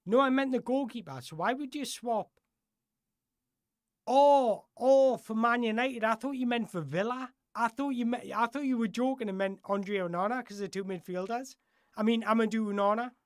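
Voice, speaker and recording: A football host on a live stream, talking things through in a loose, chatty way and often backing up to rephrase mid-sentence. The voice sits at an ordinary middle pitch. The sound is close and dry, with no room echo. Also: a little fast. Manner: rambling, self-correcting, chatty. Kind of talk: casual live-stream chat answering viewer questions.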